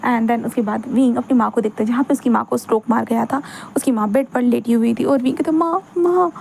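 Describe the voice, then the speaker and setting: A woman's voice: on the high side, steady tone, quick pace, creaky, warm tone, a little hiss or hum. A woman narrating a fan-fiction story in a chatty, rambling way, tossing in English words. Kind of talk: casual fan-fiction retelling.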